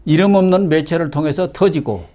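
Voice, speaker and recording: This is a male guest commentator on a political talk show. His voice is mellow and slightly high. He speaks in a measured way and often agrees with the host.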